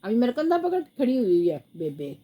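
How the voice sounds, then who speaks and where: Her voice is fairly high and very animated, and she talks briskly. An older woman with a sore throat, she sits at home holding her grandchild, rambling through chatty stories and using baby talk, in a lo-fi home vlog recording.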